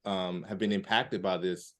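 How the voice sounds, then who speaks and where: A man with a fairly low voice interviews a guest. He gropes for words and strings his question out at length. His listening is full of quiet agreement sounds. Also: fairly even intonation, normal speed. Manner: hesitant, rambling questions with back-channel mm-hmms.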